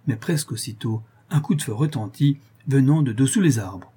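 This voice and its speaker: A man reading an adventure story aloud as a narrator, in a steady storytelling manner that lifts at the dramatic turns. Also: mid-range voice, normal speed, husky. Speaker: audiobook narrator. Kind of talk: scripted narration.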